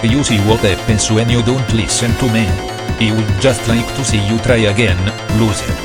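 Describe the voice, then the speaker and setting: A smug computer virus villain, voiced by a man, taunting his victim with ever-growing threats. His voice sits fairly low, over loud background music. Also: fairly even intonation, moderate pace, lightly acted. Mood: menacing. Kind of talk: comedic skit voice acting.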